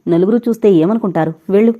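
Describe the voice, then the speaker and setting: A woman's voice: mid-range voice, quick pace, narrow, tinny audio, close to an everyday voice. A woman voicing an anguished, heartbroken man who drinks, in an audio novel, speaking in a pained, brusque way. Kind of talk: audiobook character reading.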